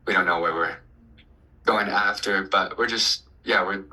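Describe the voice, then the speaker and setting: Young man with a very bright voice. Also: deep voice, unhurried, poor audio. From Colorado. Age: 20s. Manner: relaxed, hesitant with fillers and restarts. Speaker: band singer and bassist. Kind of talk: casual interview answers.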